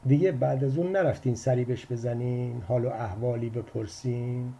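A man's voice: mid-range voice, fairly even intonation, gravelly, warm tone, close to an everyday voice. A man voicing a smiling, needling middle-aged woman doctor in an audiobook story. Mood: teasing. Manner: sly, teasing.

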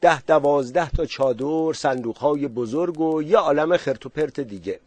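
A man's voice: a little high, darkish tone, no echo, pitched above the performer's own voice, natural voice. A man voicing the headman's young son, hurriedly reporting what he has seen.

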